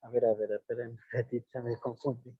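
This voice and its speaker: An Ecuadorian man, a student, reading aloud haltingly in an online class over a video call. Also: mid-range voice, flat delivery, husky, no room sound. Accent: Ecuadorian Spanish. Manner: slow, halting reading with restarts. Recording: tinny, dry phone-like line.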